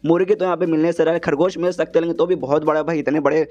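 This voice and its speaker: A man's voice: fairly high pitch, level tone, rapid-fire, a little mellow, lo-fi sound, natural voice. A man voicing an eager, caring young woman companion who talks in a chatty, worried way.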